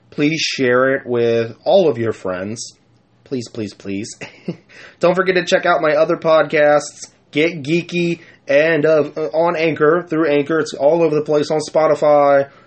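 A young man hosting his own podcast, rambling casually through an outro with frequent giggles and self-corrections into a home mic. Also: medium pitch. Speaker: podcast host.

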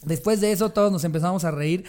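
A man's voice: sits high, quick pace, soft background music. A man co-hosting a casual podcast, reading out stories and acting out the quotes. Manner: crude slang, laughs often, acts out quotes in loud voices. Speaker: podcast co-host.

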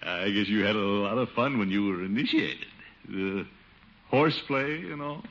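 Pompous blustering windbag. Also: male voice, on the low side, expressive, normal speed, a bit bright, lo-fi sound. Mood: blustery. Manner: boisterous laugh, blustering then nervously talking to himself. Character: pompous middle-aged male water commissioner, blustery and easily rattled. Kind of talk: 1950s radio sitcom acting. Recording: hissy old radio broadcast recording.

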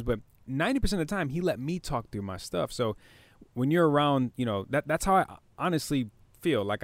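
A man's voice: mid-range voice, no echo. A man co-hosting a podcast, talking in an earnest, heartfelt way and repeating words as he gathers his thoughts. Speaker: podcast co-host. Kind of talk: casual podcast chat.

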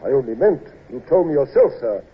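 An actor playing a loyal, cautious naval officer with an anxious, deferential manner, in old radio drama style. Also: male voice, mid-range voice, sing-song, fast, close to an everyday voice. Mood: worried. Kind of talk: 1950s radio drama acting. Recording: dull old radio recording with faint hiss.

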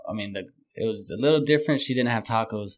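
A man's voice: fairly low pitch, quick pace, crowd noise. A man in his late thirties telling stories in a laid-back, casual podcast chat, laughing often. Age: 30s. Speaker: podcast regular.

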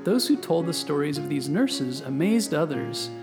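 A man narrating a scripted history story for children, gently and clearly explaining as he speaks to the listener, as a storytelling host. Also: fairly high pitch, expressive, normal speed. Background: background music.

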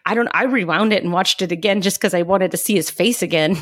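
A woman's voice: lowish voice, fast talker, dry recording, clean studio sound. A woman co-hosting a podcast, chatting casually and animatedly about a TV episode. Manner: chatty, animated, quotes characters in voices. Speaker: podcast co-host. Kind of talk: casual chat.

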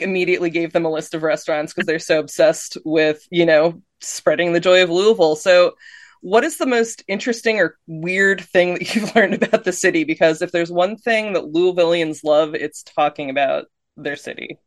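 A woman hosts a casual podcast and asks long, searching questions in a somewhat low voice. The recording is dry and close. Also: normal speed, dry recording. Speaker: podcast host.

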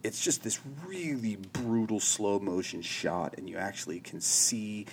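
A man's voice: on the low side, animated, a little slow, a little hiss or hum. A man hosting a podcast, rambling casually through a TV episode recap with lots of "you know" and "like". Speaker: podcast host.

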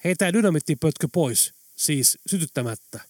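A man's voice: fairly high pitch, lively intonation, darkish tone, no echo, studio quality. A man reading an audiobook, voicing a determined adult man who speaks with urgent, raised appeals. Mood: pleading.

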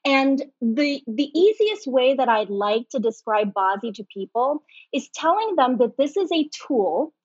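Woman from hong kong, kinda high voice, warm chatty explainer, dull muffled sound. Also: husky, no room sound. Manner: warm, explanatory, laughs easily. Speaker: guest, BaZi reader and feng shui master. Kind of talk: podcast interview. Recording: dull lo-fi, dry.

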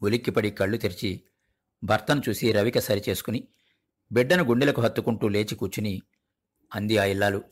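A man hosting an audio story show, reading a short story in a measured, deliberate way with long pauses. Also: fairly low pitch. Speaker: storyteller host. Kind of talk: dramatic story narration.

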